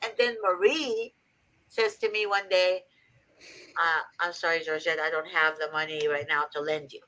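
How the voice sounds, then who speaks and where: A woman's voice: low-pitched, steady tone, normal speed, sharp tone, poor audio. A woman from Egypt hosting a faith-based advice talk, earnest and preachy with emphatic repetition. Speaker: host.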